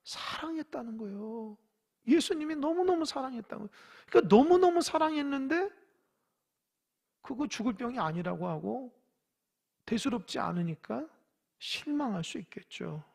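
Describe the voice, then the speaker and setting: A male pastor preaching a sermon, swinging from loud urging to hushed whispers and asking the congregation questions. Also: extremely high pitch, lively intonation, moderate pace, creaky. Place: church sanctuary.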